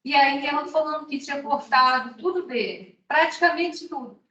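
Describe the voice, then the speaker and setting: A woman's voice: high-pitched, moderate pace, bright, forceful tone. A woman teaching a nutrition class, chatting with her students and often checking in with them as she goes. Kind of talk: classroom lecture with anecdotes. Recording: echoey room, distant mic, dull sound.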